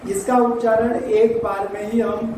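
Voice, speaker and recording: A man teaching an English grammar lesson, slowly spelling words out letter by letter. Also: high-pitched, little pitch movement, dark tone, recorded from a distance. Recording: echoey room, faint traffic noise.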